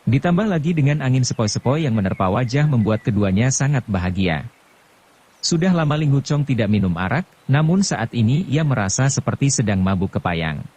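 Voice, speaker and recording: A man narrating a martial arts novel as an audiobook, in a steady, calm storytelling manner. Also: medium pitch, fairly quick, a little hiss or hum.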